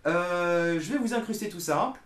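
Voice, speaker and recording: A man giving a casual guitar lesson in a small room, talking in a relaxed way and counting beats aloud. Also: high voice, moderate pace, roomy sound. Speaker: guitar teacher. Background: electric guitar playing.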